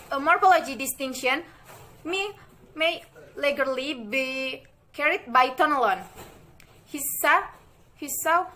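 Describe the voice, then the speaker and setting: High bright young woman reading notes. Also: slight background noise, low-quality recording. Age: young adult. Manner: reads carefully from notes with halting restarts. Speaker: student presenter. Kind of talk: reading a class presentation.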